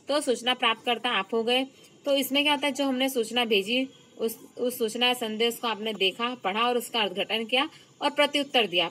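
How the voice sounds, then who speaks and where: A woman teacher giving an online class lecture, explaining slowly, repeating key terms and stressing example phrases. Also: on the high side, a bit bright, rough recording.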